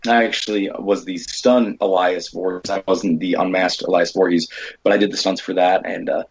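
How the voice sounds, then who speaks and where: On a lo-fi recording, an American stunt performer and indie horror filmmaker rambles through anecdotes as an interview guest, casually quoting the people in his stories in an animated retelling. His voice sits low with a breathy edge, at normal speed.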